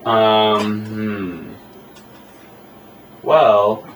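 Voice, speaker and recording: A man's voice: lowish voice, fairly even intonation, drawn-out words. A man who works as an animator, chatting casually in an interview and telling rambling, self-amused stories. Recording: echoey room, mic at a distance, faint hiss.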